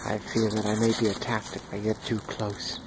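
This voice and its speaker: Hushed mock-documentary man outdoors. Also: fairly low pitch, monotone, moderate pace. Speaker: home video narrator. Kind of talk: mock wildlife documentary narration. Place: outdoors in a yard with chickens and dogs. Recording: outdoor noise with bird calls.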